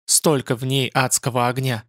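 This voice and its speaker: A man's voice: medium pitch, flat delivery, normal speed, a bit bright, no room sound, studio quality, natural voice. A man voicing a grave, proud female spirit being who speaks in a solemn, reserved way.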